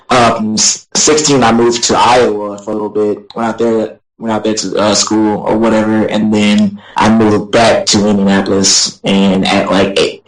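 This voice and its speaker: A young man answers interview questions as a guest wrestler, rambling along with lots of fillers and apologizing as he goes. His voice sits low and stays flat, with little rise or fall. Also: low-quality recording. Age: young adult.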